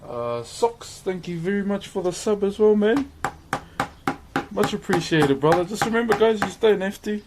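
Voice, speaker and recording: Male streamer, broad Kiwi accent, relaxed slangy chat, slightly raised pitch, faint noise behind. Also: normal speed. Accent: broad New Zealand. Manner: laid-back, matey, slangy. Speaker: livestream host. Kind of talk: casual livestream chat.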